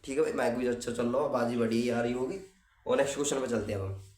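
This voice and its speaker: A man's voice: mid-range voice, fast, a little mellow. A man teaching maths in a casual classroom style, talking students through each step and answering his own questions. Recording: roomy, mic at a distance.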